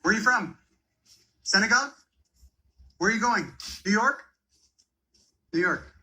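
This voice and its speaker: A man questioning arriving migrants, asking brisk, repetitive questions. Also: sits high, sharp tone. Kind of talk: rapid street questioning.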